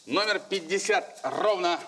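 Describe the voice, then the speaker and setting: A man's voice: high voice, unhurried, loud music behind the voice. A middle-aged man hosting a lottery game show, calling out drawn numbers formally like a bingo caller. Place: large TV studio with audience. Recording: noisy old TV studio broadcast.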